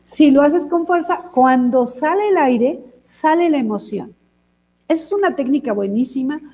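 A woman, co-hosting a casual chat and telling lively stories to demonstrate techniques. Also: sits high, normal speed, long reverb tail, rough recording. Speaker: co-host.

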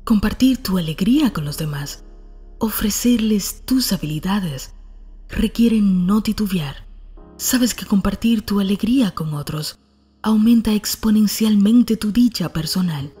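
Soft breathy woman narrating calmly. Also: mid-range voice, unhurried, soft background music. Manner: calm, soft, breathy reading. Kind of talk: scripted narration.

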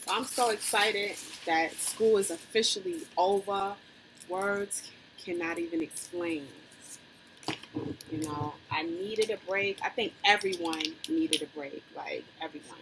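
A woman's voice: on the low side, a little slow. A woman vlogging at home in an upbeat, chatty way, talking to her viewers while she eats. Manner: upbeat, chatty, keeps calling viewers "guys". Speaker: mukbang vlogger. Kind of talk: casual chat to camera while eating. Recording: noisy home recording with air conditioner hum. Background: air conditioner running.

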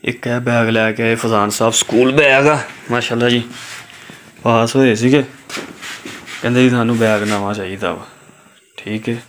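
A man's voice: medium pitch, steady tone, normal speed, long pauses. A middle-aged man with a Pakistani Punjabi accent, casually showing off school supplies for a home vlog and often saying "okay" and "mashallah". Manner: repetitive, with frequent tags like "okay" and "mashallah". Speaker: vlogger. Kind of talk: casual show-and-tell vlog. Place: indoor room at home. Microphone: phone camera held by the speaker. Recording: loud background noise.

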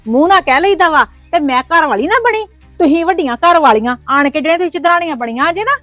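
High, fast, quarrelsome Punjabi woman. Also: expressive, fairly bright tone, no echo, faint music behind. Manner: quarrelsome, scolding, sarcastic. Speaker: sister-in-law in a family skit. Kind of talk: scripted family drama acting.

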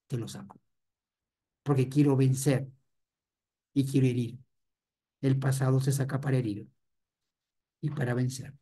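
A woman's voice: rumbling low, mellow. A woman psychologist giving a parenting talk, speaking emphatically and repeating her key phrases.

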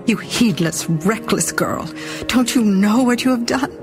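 A woman's voice: fairly high pitch, a little slow, creaky, over music. Woman voicing a brutal raging father. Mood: menacing. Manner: hissing and bellowing threats. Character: brutal, raging middle-aged planter father.

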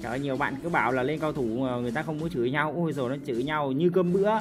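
A man doing lively, teasing commentary over his own gameplay, with mouth sound effects and sudden shouts. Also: a little high, rapid-fire, over music. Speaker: gaming YouTuber. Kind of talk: live game commentary.

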